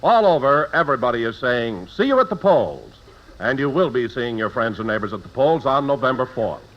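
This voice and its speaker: A man's voice: medium pitch, sing-song, fairly quick. An American man working as a radio announcer, reading old-time advertising copy in an emphatic, polished way. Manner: emphatic, polished sales delivery. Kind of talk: 1950s radio advertising read. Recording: dull old radio broadcast.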